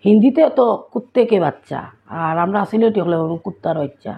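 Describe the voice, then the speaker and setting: Raspy Sylheti woman, tinny phone sound. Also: mid-range voice, lively intonation, fast. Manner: chatty, asks listeners if they follow. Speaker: vlogger. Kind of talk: casual vlog chat.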